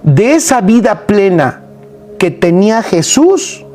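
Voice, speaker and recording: A man preaching a sermon in an animated, emphatic way, full of rhetorical questions. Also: sits high, slow pace, soft background music.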